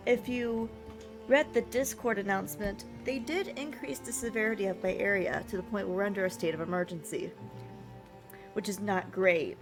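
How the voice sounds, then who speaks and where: A young woman, chatting casually with her stream while out of breath, rambling and laughing often. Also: mid-range voice. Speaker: vtuber streamer.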